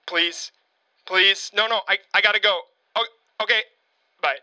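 A man's voice: sits high, steady tone, a little slow, pushed and bright, exaggerated voice. A man voicing an overeager, pushy local booster who leaves rambling, pleading voicemail messages in a comedy sketch. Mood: flustered. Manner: rambling, pleading, awkwardly persistent. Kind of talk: leaving a string of voicemail messages.

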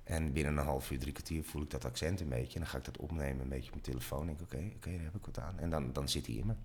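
A middle-aged man, an actor and voice actor, chatting in an animated way and sometimes slipping into voices. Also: very fast. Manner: animated, swings pitch, slips into voices. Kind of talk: casual interview talk.

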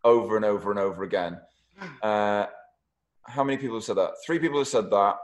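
A man's voice: on the low side, fairly quick. Jokey podcast host man, swearing freely. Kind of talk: casual podcast chat, reading listener questions.

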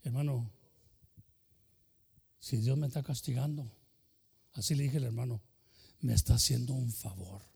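Older male pastor, impassioned bilingual sermon, gravelly edge, long church reverb. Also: mid-range voice, normal speed, pauses often, mellow. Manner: impassioned, switching between Spanish and English.

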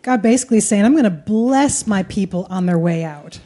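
A woman with a medium-pitched, dark-toned voice preaches a sermon, speaking expressively and a little quickly. She delivers it in short, conversational, colloquial phrases so it can be interpreted live.

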